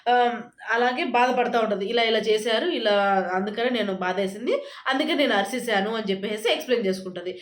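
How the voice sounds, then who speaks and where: A woman giving a chatty, casual recap of a reality show, retelling it quickly and full of fillers. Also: on the high side. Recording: roomy echo.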